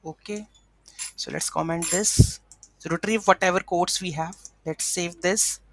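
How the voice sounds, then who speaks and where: With a lowish, slightly bright voice, a woman leads an informal coding tutorial at an unhurried pace and steady tone. She narrates each step aloud in an instructional way as she works, and a little hiss or hum runs under the audio.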